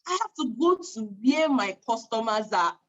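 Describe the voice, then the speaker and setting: A woman's voice: a little high, lively intonation, normal speed, highs cut off. A woman with a Nigerian accent giving informal business advice, emphatic and repeating phrases for stress.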